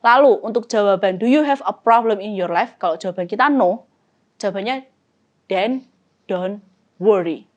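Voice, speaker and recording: A woman's voice: mid-range voice, brisk, lo-fi sound. A woman with an Indonesian accent preaching at a youth service, talking casually, mixing in English phrases and asking and answering her own questions. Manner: talks casually to youth, role-plays prayers. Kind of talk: sermon. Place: church, streamed service.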